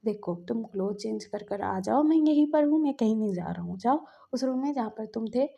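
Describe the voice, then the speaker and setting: A woman voicing a gentle older brother who talks in a soft, hushed, reassuring way. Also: a little high, animated, brisk, creaky, breathy edge, full character voice. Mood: soothing. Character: gentle, calm older brother comforting his sibling. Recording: dull lo-fi recording.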